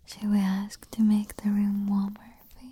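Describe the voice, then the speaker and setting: Woman, ASMR roleplay queen, breathy soft whisper, intimate and calming. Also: mid-range voice. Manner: slow, soothing and intimate. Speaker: ASMR performer.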